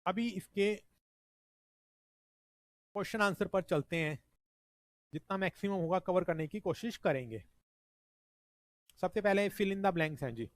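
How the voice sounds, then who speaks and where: A man's voice: high voice, a little slow, pauses often, dry recording. A man teaching a revision lecture. He explains step by step and often adds "ठीक है जी" as a check-in. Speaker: accounting teacher.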